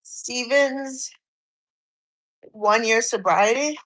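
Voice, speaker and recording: A woman's voice: a little high, drawn-out words, a bit bright, low-quality recording. Chatty woman streaming mid-workout. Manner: chatty, reads comments aloud and answers. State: slightly out of breath while doing cardio. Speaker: fitness streamer. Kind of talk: live stream chat reading comments.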